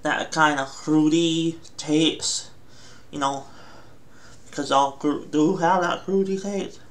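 Man, chewing while talking, slow drawl, slightly high voice, rambling with fillers. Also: fairly even intonation. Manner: rambling, filler-heavy, hesitant. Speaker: food review vlogger. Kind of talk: casual vlog commentary.

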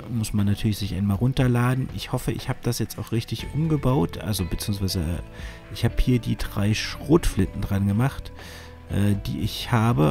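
This gaming YouTuber has a cold and keeps sniffling as he rambles through casual let's-play commentary, hesitant and full of fillers. His voice is on the low side, creaky and darkish.

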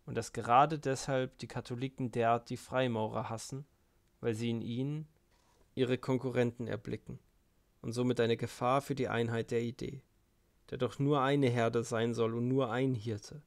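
A man reading the part of a brooding, ironic young intellectual who speaks in a measured, wry way. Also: medium pitch, fairly even intonation, vocal fry, lightly acted.

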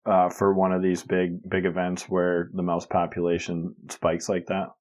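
A man's voice: low-pitched, completely flat delivery, normal speed, darkish tone. A man hosting a fishing podcast, asking easygoing interview questions. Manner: easygoing, brief acknowledgments. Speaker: podcast host.

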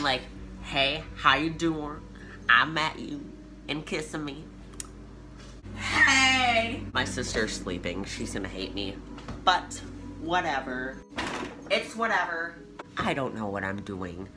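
A teenage boy telling a casual storytime to his channel, chatty and full of "like" fillers. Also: mid-range voice. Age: teens. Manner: chatty, filler-heavy with frequent "like"; youthful and animated. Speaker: vlogger.

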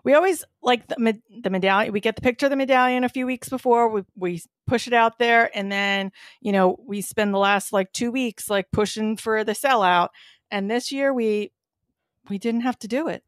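A woman co-hosting a running podcast, chatting casually with lots of fillers and an animated way of talking. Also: on the high side, normal speed, no echo, clean studio sound. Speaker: podcast co-host, race organizer. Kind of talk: casual chat.

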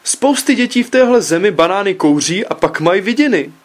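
Guy doing a worked-up paranoid dad, loud and high-pitched, keeps yelling at his kid, storybook reading. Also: expressive. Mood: indignant. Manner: loud, indignant, shouting outbursts. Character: excitable suspicious middle-aged father, man.

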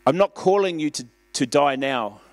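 Earnest New pastor preaching. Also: male voice, a little high, animated, moderate pace, creaky, dry recording. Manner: earnest, conversational preaching with fillers and rising emphasis. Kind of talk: sermon. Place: church.

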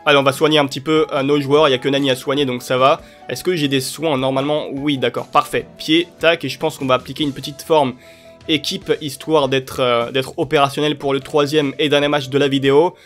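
A young man giving excitable, chatty commentary over his football video game matches, cheering at goals. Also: medium pitch, fairly quick. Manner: excitable, cheers and shouts at plays. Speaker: gaming YouTuber. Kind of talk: live gameplay commentary. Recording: light music underneath.

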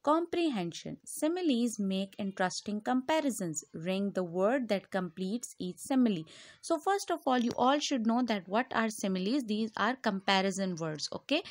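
A female school teacher with a Pakistani English accent, walking pupils slowly through textbook exercises and repeating each answer. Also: medium pitch, animated, no echo. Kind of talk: recorded classroom lecture.

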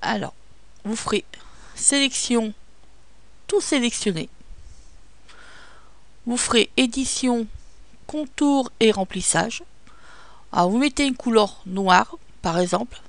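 Woman with gravelly fry giving steps. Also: on the high side, expressive, slow pace, pauses often, dry recording. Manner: step-by-step instructions with frequent fillers. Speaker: tutorial presenter. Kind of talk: screen-recorded software tutorial.

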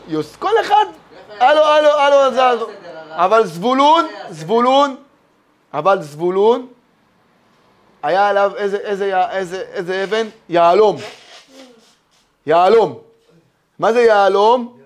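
High-voiced, animated rabbi preaching. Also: male voice. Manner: animated and emphatic, swinging between loud and hushed; storytelling, with many rhetorical questions. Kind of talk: Torah lesson sermon to a live audience.

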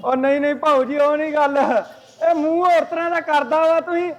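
A man's voice: very high-pitched, flat delivery, a little fast, highs cut off. A man playing a fussy village father haggling over kite string, in a comedy sketch. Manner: haggling, excuses.

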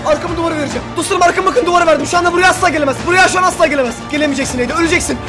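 A man talks over gameplay in a very high, excitable voice, calling out to his viewers. He rushes through his words and keeps breaking into shouts. Loud background music plays under his voice. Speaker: gaming video creator.

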